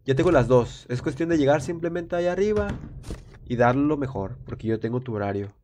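A young man commentates his live game stream, rambling and excitable as he reads the chat. His voice sounds stuffy from a cold. A faint hiss and clicks sit behind him. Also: medium pitch, a little fast. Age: young adult. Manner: rambling, excitable, talks to viewers while playing. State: congested with a cold.

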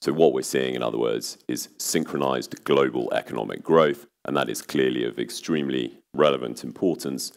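Picked up by a lapel mic in a big conference hall, a thirties-aged man gives an investor seminar presentation while still getting over laryngitis. His voice is exceptionally low with vocal fry, and his measured delivery is full of fillers and restarts.

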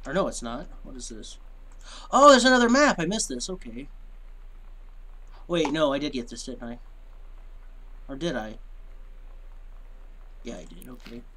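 Over a noisy background, a gameplay host with a medium-pitched, sing-song voice speaks at a measured pace with long pauses. Sniffly and stuffy-nosed, he mutters and rambles in puzzlement during casual let's-play commentary at a desk microphone.

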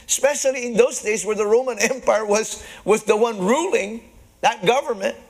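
Man with a very high voice, pastor preaching, chuckles between phrases, calls to the congregation, halting restarts. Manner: halting restarts and repeated words. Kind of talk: sermon. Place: church service before a live congregation.

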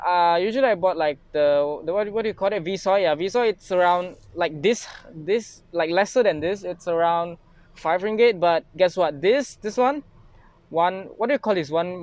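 Young man, Malaysian English accent, casual haul vlog in a parked car, phone held close, clear slightly high voice. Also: no room sound. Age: young adult. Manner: rambling, self-mocking, lots of fillers and restarts. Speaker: vlogger. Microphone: phone camera held close.

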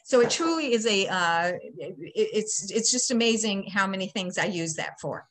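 A woman's voice: medium pitch, expressive, normal speed, slight background noise. Chatty woman presenting a beekeeping webinar. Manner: chatty, folksy, with many ums. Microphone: laptop webcam mic on a video call.

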